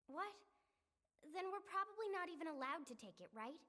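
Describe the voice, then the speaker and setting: A woman voicing an eager young teenage girl in a video game, with a bright, chirpy, earnest delivery. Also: very high voice, lively intonation, moderate pace. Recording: long reverb on game audio.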